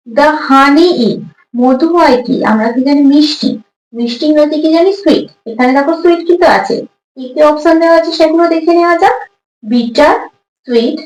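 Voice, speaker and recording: High-voiced woman teacher explaining exam questions. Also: a little mellow, reverberant, rough recording. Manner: reads English questions slowly, explains in quick Bengali.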